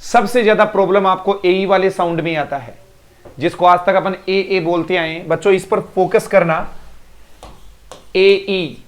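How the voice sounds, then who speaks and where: A man's voice that sits high, at normal speed, belongs to an English teacher in a live online class. He keeps repeating words for pronunciation practice and praises each student by name.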